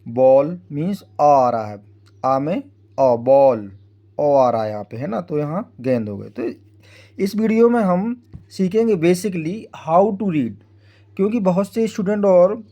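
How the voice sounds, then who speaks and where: Male phonics teacher, slightly high, mellow voice, patient and repetitive, spells out letters. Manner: frequent tag "है ना" checking with the viewer. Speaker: English teacher. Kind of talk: Hindi-language English phonics lesson.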